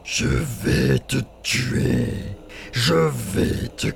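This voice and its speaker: Man putting on a towering fairy-tale spirit, menacing, slow and loud, gravelly. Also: a little hiss or hum, heavily acted. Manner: slow, booming, drawn-out threats. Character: huge menacing male bottle spirit.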